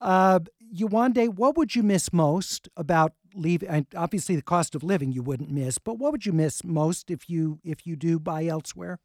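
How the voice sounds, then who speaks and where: A man in his sixties hosting a call-in radio talk show in a chatty, relaxed way, with easy laughs. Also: on the high side, normal speed, hardly any pauses, no echo, clean studio sound. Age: 60s. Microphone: studio microphone, dry sound.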